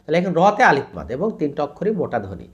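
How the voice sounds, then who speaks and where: A man teaching Quran recitation rules, who sounds out syllables slowly and drawn out, explains quickly in between, and asks learners to repeat after him. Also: a little high, huge pitch swings. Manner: drills syllables slowly and stretched, then explains in quick bursts. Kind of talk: tajweed lesson.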